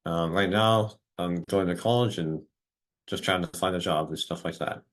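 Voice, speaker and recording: A man's voice: sits low, moderate pace. A man in his twenties introducing himself as a podcast panelist over a video call, speaking in a plain, matter-of-fact way. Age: 20s.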